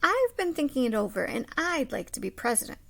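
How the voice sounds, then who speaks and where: A woman's voice: high-pitched, very animated, brisk, gravelly, fairly bright tone, full character voice. A woman voicing an indignant, determined elementary school girl who speaks up earnestly, in a storybook reading.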